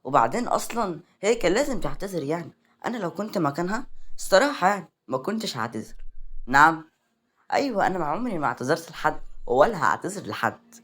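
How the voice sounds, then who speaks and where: A woman's voice: on the low side, sing-song, fast talker, fairly bright tone, husky, exaggerated voice. Woman reading as haughty young Sirin. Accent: Egyptian Arabic. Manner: haughty, boastful.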